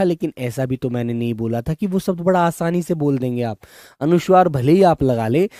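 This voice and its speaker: Lively high-voiced man teaching a class. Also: no echo, clean studio sound. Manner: coaxing, addresses students as children and brothers; drills words by repeating them slowly. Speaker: Hindi teacher. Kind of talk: live online class.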